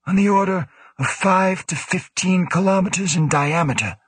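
Man voicing a rasping secretive station director. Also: on the high side, moderate pace, no echo, pitched above the performer's own voice. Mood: grave. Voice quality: rasping, labored. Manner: sharp, emphatic, lecturing.

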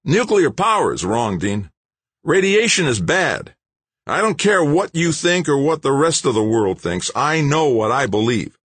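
A stubborn, unruffled protester, voiced by a man in a noticeably raised, husky register. He presses his point calmly and insistently, close and dry. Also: a little high, a little slow, dry recording, pitched above the performer's own voice, exaggerated voice. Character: stubborn middle-aged male anti-nuclear protester.

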